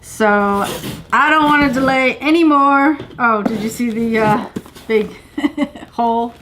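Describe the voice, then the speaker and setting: Middle-aged woman, unboxing vlog chat, slow delivery, gushing exclamations, noticeable background noise in a home room. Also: on the high side. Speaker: vlogger unboxing a subscription box. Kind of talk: casual unboxing chat to camera. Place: indoors, home living room on a couch.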